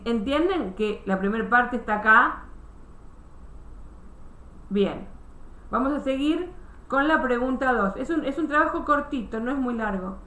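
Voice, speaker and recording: A woman's voice: a little high, pushed and bright, reverberant. A woman teaching a history class over a video call, explaining step by step with restarts and checking that students follow.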